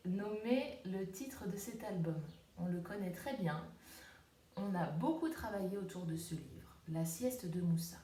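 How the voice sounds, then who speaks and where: Slow gentle woman teacher, roomy sound. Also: medium pitch, distant mic, a little hiss or hum. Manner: slow, gentle, syllable-by-syllable demonstrating. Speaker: preschool teacher. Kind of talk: home video lesson for young children. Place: countryside home, flies around. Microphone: tablet camera. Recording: roomy tablet recording with faint ambience.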